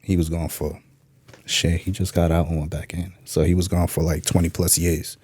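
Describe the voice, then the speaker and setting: A man's voice: deep voice, level tone, normal speed, mellow, slightly rough, no room sound. A man from New York, a podcast guest telling his life story in a blunt, streetwise way, swearing freely. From New York, USA. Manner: acts out past dialogue in a raised voice. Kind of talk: candid interview storytelling.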